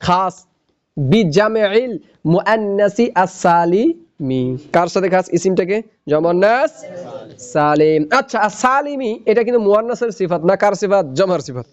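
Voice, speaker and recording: High-voiced man lecturing with quiz questions. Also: animated, fast talker, clean tone, muffled recording. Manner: quizzing with questions he answers himself. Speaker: teacher of Arabic grammar. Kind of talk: classroom lecture.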